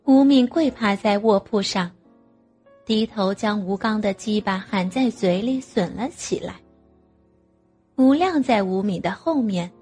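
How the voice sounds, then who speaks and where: A woman narrating an audio novel in a slow, even storytelling manner. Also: medium pitch.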